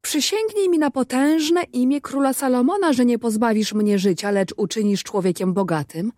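A stern, distrustful poor fisherman scolds and lectures in a storybook tale, as a woman reads him aloud. The voice sits fairly high and is recorded close and dry. The reading stays plain. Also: normal speed, dark tone, no room sound, lightly acted. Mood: reproachful. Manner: reproachful, lecturing.

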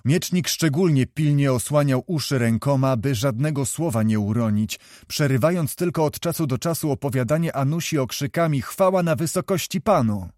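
A man reading a classic historical novel aloud in a steady, measured storytelling manner. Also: mid-range voice, no room sound, studio quality. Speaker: audiobook narrator. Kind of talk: scripted narration.

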